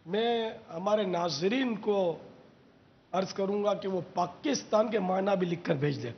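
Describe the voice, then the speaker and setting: A man from Pakistan, a religious scholar hosting a TV talk show, explaining words in an unhurried, quizzing way. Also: high-pitched, gravelly, lo-fi sound, a little hiss or hum.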